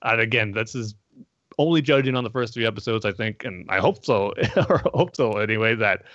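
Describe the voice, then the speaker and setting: Guy on a podcast, lowish voice, careful and hedgy, lo-fi sound. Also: fairly bright tone, no room sound. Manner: measured, hedging, many fillers. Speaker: podcast co-host. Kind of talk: casual review chat. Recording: dull lo-fi dry sound.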